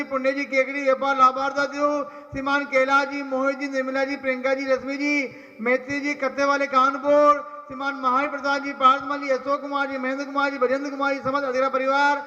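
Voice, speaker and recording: A man's voice: extremely high pitch, pushed and bright. A man announcing at a temple ritual, rattling off a long list of donor names and blessings. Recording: echoey temple hall, dull lo-fi sound.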